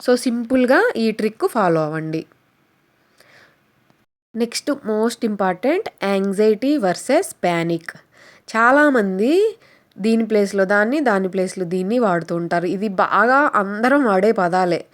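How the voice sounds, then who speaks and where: A woman's voice: mid-range voice, lively intonation. Woman teacher, patient explaining. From Telugu-speaking India. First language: Telugu. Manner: keeps checking understanding with the listener; slow, careful reading of English example sentences. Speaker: English vocabulary teacher. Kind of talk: explaining lesson to viewers.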